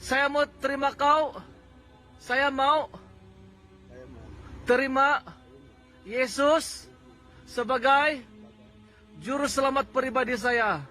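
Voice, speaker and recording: A woman preacher coaxes a listener through a prayer, step by step. Her voice is very high and bright, and faint music sits underneath. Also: steady tone, takes it slowly, pauses often. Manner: coaxing, instructive. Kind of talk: evangelizing, leading a prayer.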